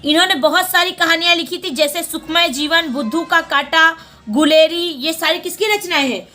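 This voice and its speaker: A woman teaching a Hindi exam lesson, going through questions and repeating each answer back as a quick question and reply. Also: extremely high pitch, sharp tone, soft background music.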